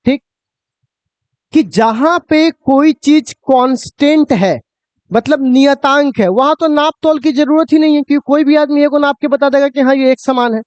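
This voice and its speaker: High-voiced male physics teacher. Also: darkish tone, no room sound, muffled recording. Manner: addresses students fondly, asks and answers his own questions. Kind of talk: classroom lecture to students.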